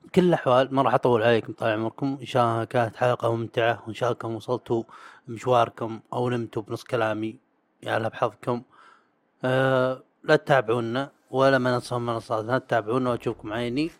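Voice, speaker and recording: A man hosts a solo podcast episode, half reading and half riffing. He talks quickly and casually, stumbling over words and chuckling at his own slips. The room sound is dry and close. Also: mid-range voice, little pitch movement, no echo. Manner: casual and chatty, trips over words and laughs at himself. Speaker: podcast host. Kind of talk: solo podcast monologue, partly read from a script.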